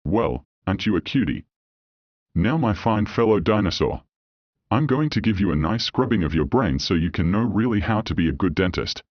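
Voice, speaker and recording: A man voicing a large, cheerful, scheming male dog dentist who talks fast and coaxingly. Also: low voice, animated, dry recording, muffled recording, pitched below the performer's own voice. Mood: scheming glee.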